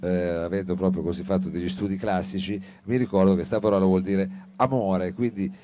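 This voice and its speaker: A man's voice: low-pitched, fairly even intonation, fairly quick, noisy background. A man hosting a live music interview, talking loosely with many fillers. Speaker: radio host.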